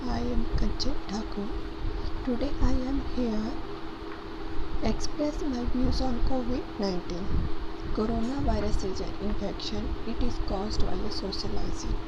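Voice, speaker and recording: Young Indian woman reciting over loud noise. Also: on the high side, a little slow. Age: young adult. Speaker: student contest speaker. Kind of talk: prepared declamation speech. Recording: loud ambient, vehicle-like noise.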